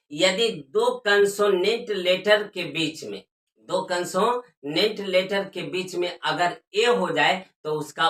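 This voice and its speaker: A woman gives a spoken pronunciation lesson, spelling out letters one by one and repeating each word so learners can follow. Her voice is bright and fairly low, and she speaks at an unhurried, deliberate pace. The recording carries a noticeable room echo. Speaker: English teacher. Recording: echoey room.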